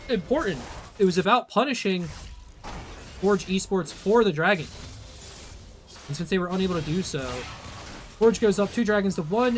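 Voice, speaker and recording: Hoarse guy casting esports live, high voice, faint music under it. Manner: excitable, calls plays in quick bursts. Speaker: esports caster. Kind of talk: live play-by-play commentary.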